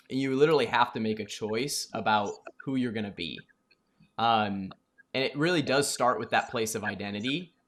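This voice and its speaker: A man's voice: medium pitch, a bit bright. A man hosting a business podcast interview, wrapping up with earnest coaching advice.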